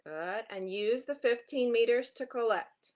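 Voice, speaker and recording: A woman coaching a horse riding lesson, projecting brisk, urgent, repeated short commands with encouragement. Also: a little high, a little mellow.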